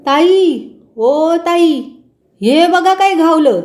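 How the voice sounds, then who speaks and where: A woman voicing an eager male gardener with a who calls out loudly. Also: very high-pitched, expressive, drawn-out words, pitched above the performer's own voice, heavily acted. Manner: loud, calling out in country speech. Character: rustic old male gardener, eager and loud. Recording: roomy echo.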